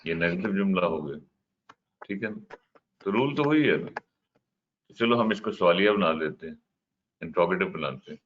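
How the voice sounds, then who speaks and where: A man's voice: low voice, expressive, long pauses. A man teaching an English grammar lesson, explaining step by step and putting questions to his class. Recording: dull, slightly noisy lo-fi recording.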